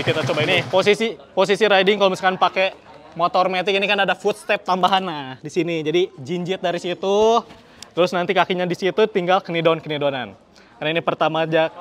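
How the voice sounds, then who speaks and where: A young, high-pitched motovlogger hosts a casual motorcycle vlog at a race circuit, excitable, slangy and full of exclamations. He talks into a handheld mic held close to the camera, with noisy engines all around outdoors.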